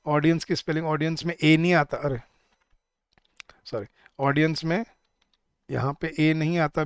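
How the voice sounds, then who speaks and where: A man teaching an exam-prep lesson, explaining in a mix of Hindi and English and reading English sentences slowly. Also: on the high side, smooth, dry recording. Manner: explains in Hindi mixed with English, often addressing viewers as guys.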